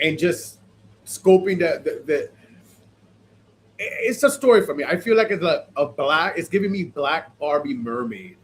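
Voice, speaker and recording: Stuffy and sniffling from allergies, a man reviews fashion looks on his podcast in a chatty, animated way, full of fillers. His voice sits a little high, and the rough recording carries some hiss or hum.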